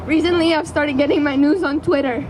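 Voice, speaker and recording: Woman activist doing a rally speech outside, really high voice, earnest n deliberate, traffic n city noise behind her. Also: steady tone. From Canada. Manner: earnest, impassioned, deliberate oratory. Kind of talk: prepared public speech. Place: outdoors in a city square. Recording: outdoor public square with city traffic noise.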